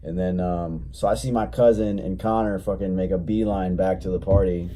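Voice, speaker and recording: A man's voice: sits low, fairly even intonation, normal speed, mellow, a little hiss or hum. A young man casually telling a story in a rambling, profane, laid-back way, still recovering from being sick. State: recovering from illness, coughing. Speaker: vlogger.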